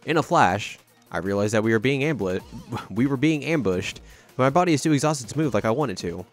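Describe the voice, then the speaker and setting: Man, mid pitch, reading game narration aloud, plain delivery, faint music behind. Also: brisk. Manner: plain, steady reading with small slips. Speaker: let's-play host.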